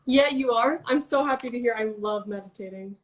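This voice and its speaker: Young woman on a phone video call, kinda high voice, eager, agrees a lot and jumps right in. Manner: eager, agreeable, quick to chime in. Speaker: livestream co-host. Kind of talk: casual chat.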